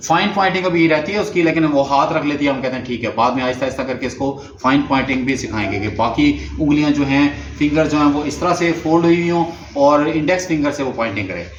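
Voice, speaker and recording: A man's voice: on the high side, fast talker, few pauses, slight background noise. Patient male therapist in echoey room. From Pakistan. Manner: patient, repeats prompts and praises often. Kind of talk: speech therapy session with commentary. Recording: dull, echoey room recording.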